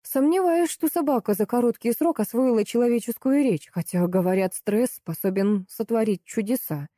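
A woman narrating a first-person audiobook in a steady, lively storytelling way. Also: a little high, moderate pace, dry recording, clean studio sound.

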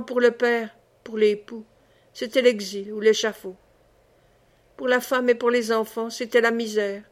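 Slow, dramatic woman audiobook reader. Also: fairly high pitch. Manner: slow, deliberate, dramatic reading. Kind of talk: scripted narration of a historical novel.

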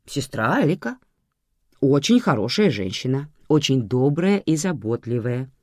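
A woman voicing a calm, matter-of-fact grandmother in an audiobook, placating and dismissive. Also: rumbling low, unhurried, no room sound, clean studio sound, full character voice. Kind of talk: audiobook reading.

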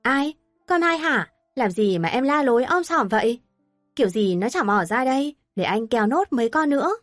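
A woman playing a gruff country father. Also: fairly high pitch, lively intonation, normal speed, no room sound, studio quality, soft background music, lightly acted. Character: middle-aged country father, gruff and easygoing.

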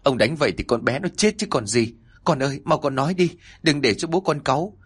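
A man voicing a desperate mother who begs and wails, in a raised, husky voice. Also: medium pitch, animated, fairly quick, voice pushed up. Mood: pleading. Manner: begging, wailing. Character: desperate pleading mother of a daughter.

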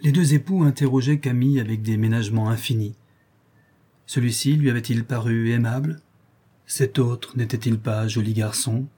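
A man narrating a novel as an audiobook in a measured, literary reading manner. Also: mid-range voice, mellow, husky.

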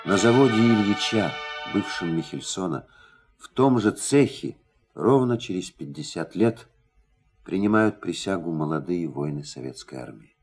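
Low-pitched solemn male documentary narrator. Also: lively intonation, normal speed, a little mellow, breathy edge, soft background music.

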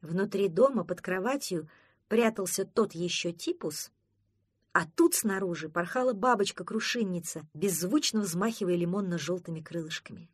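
A woman reading a children's storybook aloud with expressive storytelling. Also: lowish voice, normal speed, breathy edge, dry recording, clean studio sound. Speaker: narrator.

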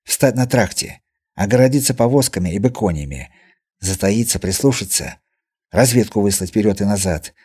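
A man reading the lines of a wary male caravan guard who speaks low and uneasy. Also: lively intonation, normal speed, darkish tone, slightly rough. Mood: uneasy, hushed.

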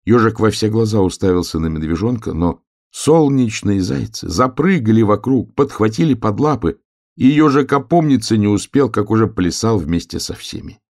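Lively low-voiced male storyteller. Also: moderate pace. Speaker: narrator. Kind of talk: storybook reading.

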